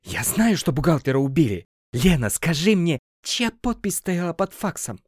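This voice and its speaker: A man's voice: on the high side, sing-song, moderate pace, breathy edge, no echo, studio quality, pitched above the performer's own voice, heavily acted. A man voicing a brusque male boss who barks demanding questions at his secretary. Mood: demanding, shouting. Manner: barking, demanding, commanding. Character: brusque middle-aged male boss, shouting.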